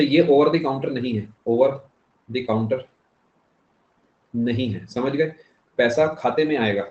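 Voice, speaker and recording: This economics lecturer has a darkish, medium-pitched voice and explains concepts one step at a time, switching into English phrases and making sure students follow. The classroom audio is dull and echoey.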